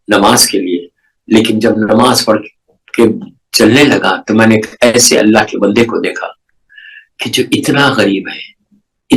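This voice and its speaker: A man's voice: lowish voice, poor audio. A male preacher with a Pakistani Urdu accent giving a sermon, telling a story and then urging his listeners with rising passion, dropping English words into his Urdu. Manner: rises to impassioned exhortation. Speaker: Shia preacher.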